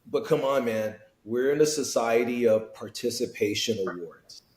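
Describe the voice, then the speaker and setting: Dude co-hosting a podcast, mid pitch, gets emphatic, echoey room sound. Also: male voice, normal speed, a little mellow. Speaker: podcast co-host, realtor. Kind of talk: casual chat. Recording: roomy echo.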